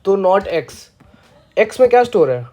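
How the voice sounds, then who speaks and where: Programming teacher, casual screencast lesson, playful, checks in often, mellow voice, dull lo-fi sound. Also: medium pitch, very animated, normal speed. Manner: playful, keeps checking in with listeners.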